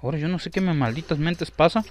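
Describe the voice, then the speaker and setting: A young man commentating his own gameplay, excitable and repeating himself as he talks. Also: a little high, quick pace.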